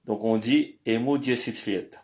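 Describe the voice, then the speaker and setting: Guy teaching a lesson really slowly, lots of pauses and ums, mid pitch. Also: darkish tone. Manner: slow and hesitant, many pauses and "euh". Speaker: language teacher. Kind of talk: screen-recorded lesson.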